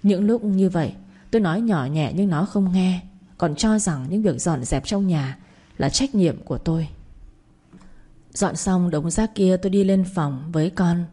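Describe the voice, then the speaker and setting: A woman narrating a first-person family story in a soft, steady manner. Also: lowish voice, a little slow, breathy edge.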